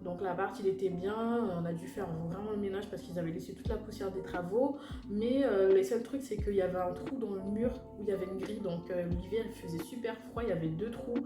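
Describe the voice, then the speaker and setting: In an echoey room with loud music behind her, a young adult woman from French Guiana chats to her viewers about something that happened to her. Her medium-pitched voice moves fairly quickly, and her slangy telling is full of fillers and asides.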